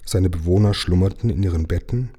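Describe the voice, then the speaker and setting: Man reading a kids' book aloud, low mellow voice, kinda husky, easy pace. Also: fairly quick. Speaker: reader of a children's book.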